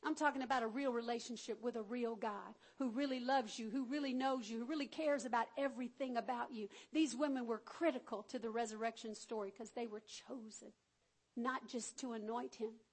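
A woman preaching an energetic sermon, calling out to the congregation and acting out the Bible figures in a folksy way. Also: on the high side, a little fast.

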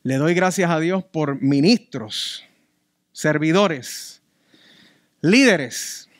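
A man with a Puerto Rican accent preaching a sermon as pastor, emphatic and repeating key words, swinging between loud and soft. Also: a little high, animated, very slow, dry recording, clean studio sound.

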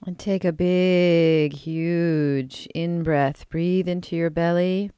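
A woman yoga teacher guiding a relaxation meditation, soft and soothing, often trailing into a breathy near-whisper, with drawn-out phrases. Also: lowish voice, fairly even intonation, no echo, studio quality. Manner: unhurried, with drawn-out phrases and pauses.

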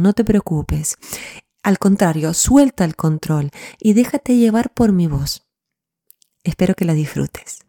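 A woman hosting a podcast and leading a guided mindfulness meditation in a soothing, gentle, unhurried way. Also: mid-range voice. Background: soft new-age music.

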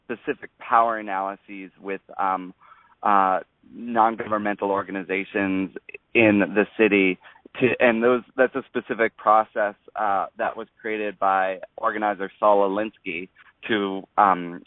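A man's voice: on the low side, fairly even intonation, a little slow, no echo. A man explaining informally as an interview guest, often searching for words. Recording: dry, tinny narrow radio sound.

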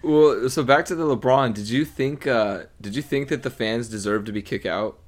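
A man's voice: mid-range voice, moderate pace. Casual young man talking sports. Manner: profane, laughing, mimics people. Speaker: podcast co-host.

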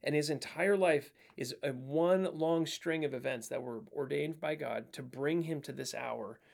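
A man's voice: a little high, unhurried, vocal fry. A man co-hosting a Bible podcast, talking through a passage in an earnest, reflective way and often quoting scripture. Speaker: podcast co-host. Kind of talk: casual Bible study chat.

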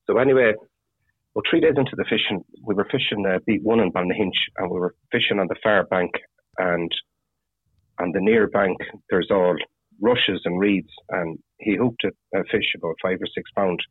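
A man with a west of Ireland, Galway accent telling anecdotes casually, in a husky, rambling, halting way with lots of "you know". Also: deep voice. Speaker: fishing guide (gillie) interviewed as guest. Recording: tinny phone-like radio sound, roomy echo.

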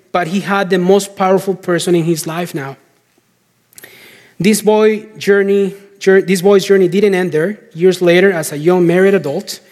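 A man telling a story as a preacher in a sermon, in measured short phrases with deliberate pauses. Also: high-pitched, a little mellow. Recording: long hall reverb.

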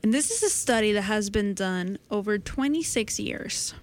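A young woman in her twenties co-hosting a science podcast. She explains a research study piece by piece in a relaxed, conversational way, with a voice of ordinary middle pitch. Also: normal speed. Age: 20s. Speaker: podcast co-host presenting science news. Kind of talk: casual science chat.

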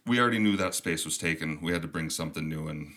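A man with a Minnesotan accent hosts a podcast in a very low voice. His tone is bright and forceful. He rambles casually and pokes fun at himself. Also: fast. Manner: rambling, self-deprecating, chuckling. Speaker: podcast host.

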